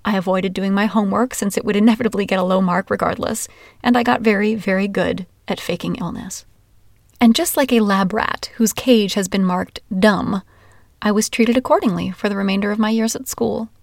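A woman's voice: medium pitch, fairly quick, gravelly, dry recording, clean studio sound. Wry woman telling her own story. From Washington, USA. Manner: wry, candid, expressive. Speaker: memoir narrator. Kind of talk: first-person storytelling.

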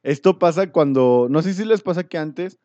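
Slangy Mexican man, mellow voice, lo-fi. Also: fairly high pitch, normal speed, no echo. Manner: slangy, laughs often, rambling anecdotes. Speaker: podcast co-host. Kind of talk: casual chat.

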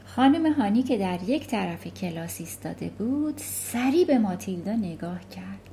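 A woman narrating a children's novel aloud with a lively, expressive reading. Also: mid-range voice, creaky. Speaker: audiobook narrator. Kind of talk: storybook narration.

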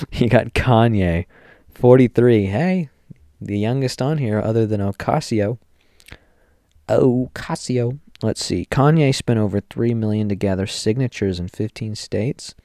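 A young man talks through a casual solo podcast, rambling, joking and trailing off as he thinks aloud. His voice is lowish and mellow. The sound is close and dry. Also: measured pace, dry recording. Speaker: podcast host.

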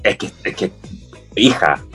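Chilean-accented man, casual chat, campy rambling jokes, lowish voice, faint music bed. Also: animated, unhurried, pushed and bright. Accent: Chilean Spanish.

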